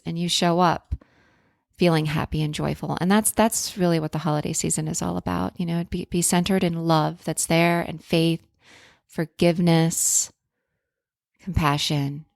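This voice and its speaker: A woman's voice: lowish voice, fairly even intonation, unhurried, vocal fry, no room sound, studio quality. A woman hosting a podcast in a self-help influencer style, speaking casually and earnestly with spiritual encouragement and affirmations.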